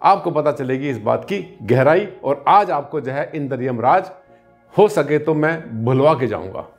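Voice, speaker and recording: Man with a somewhat high voice, an easygoing consultant who teases and quizzes his viewers, over soft music. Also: animated, measured pace. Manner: colloquial and teasing, with rhetorical questions. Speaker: vastu consultant. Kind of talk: casual spoken explainer to camera.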